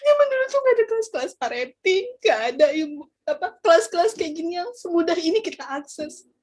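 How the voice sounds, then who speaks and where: A young woman with a notably high voice shares a heartfelt religious talk. She speaks casually, turns to her listeners with questions, and lets her emotion show, sometimes close to tears. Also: big pitch swings, fairly quick, darkish tone. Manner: emotional, gets choked up and apologizes; chatty, addresses listeners directly.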